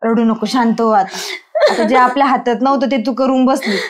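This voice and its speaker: A woman's voice: fairly high pitch, fairly even intonation, a little fast, close to an everyday voice. A woman playing a village friend who scolds and comforts in turn in a web drama. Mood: chiding. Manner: chiding yet comforting.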